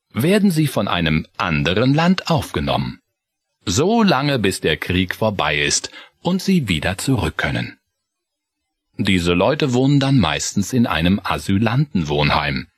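A man's voice: fairly low pitch, fairly bright tone, breathy edge, no echo. A man narrating a children's story, talking playfully and directly to his young listeners.

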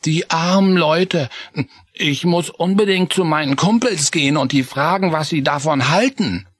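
A man voicing an eager, chatty young boy mouse in a children's story, raising his voice high. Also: unhurried, slightly rough, no room sound, studio quality. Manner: excited, chatty.

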